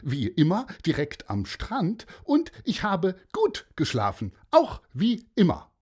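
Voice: wildly swooping pitch, slow pace, darkish tone, slightly rough, full character voice. The narrator of a children's story playing a cheerful, exuberant man who sleeps on the beach, in a raised voice. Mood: jolly. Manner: exuberant, booming greetings. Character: cheerful male hiker in pyjamas.

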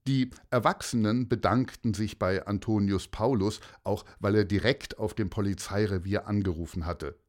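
A man narrating a children's audiobook in a gentle storytelling manner. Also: lowish voice, moderate pace, hardly any pauses.

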